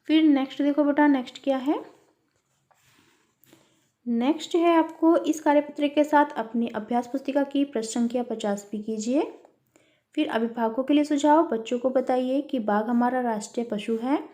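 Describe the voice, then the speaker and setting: A woman teaches small children a worksheet lesson in a high, dark-toned voice, keeping a steady tone at normal speed. As a primary school teacher, she spells each word out syllable by syllable and calls the children "beta."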